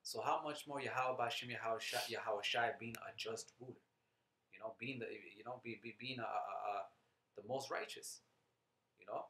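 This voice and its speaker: A man's voice: fairly low pitch, fairly even intonation, moderate pace, pushed and bright, echoey room, slight background noise, low-quality recording. A man giving informal scripture teaching in casual, slangy talk full of fillers and restarts. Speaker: lay preacher.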